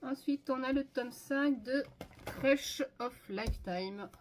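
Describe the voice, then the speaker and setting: A woman's voice: high voice, slow pace, a little hiss or hum. A woman chatting casually and enthusiastically as she lists purchases in a haul video, with frequent fillers. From France. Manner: enthusiastic, listing items with many fillers. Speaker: manga haul vlogger.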